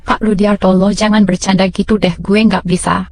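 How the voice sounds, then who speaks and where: A woman's voice: mid-range voice, level tone, moderate pace, a little mellow, dry recording, natural voice. A woman plays a desperate but proud single mother, earnest and pleading. Her voice sits in a middle range, dry and close with no room sound. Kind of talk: short drama acting.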